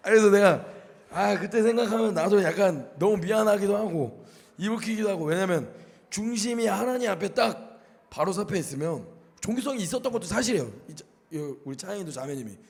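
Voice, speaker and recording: Lively, expressive storytelling man. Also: sits high, a little fast, creaky, big-room sound. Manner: expressive storytelling, quoting others in lively voices. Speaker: co-host. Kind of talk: casual faith talk.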